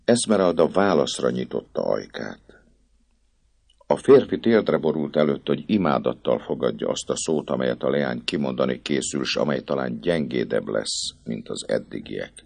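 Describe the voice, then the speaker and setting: Male narrator, very deep gravelly voice, husky texture, lively expressive delivery. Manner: expressive, rising and falling with the drama. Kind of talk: dramatic audiobook narration.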